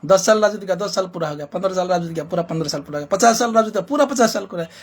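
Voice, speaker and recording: A man's voice: sits high, lively intonation, rapid-fire, slightly rough. A man giving an impassioned commentary as a social reformer, emphatic and repetitive, with many rhetorical questions.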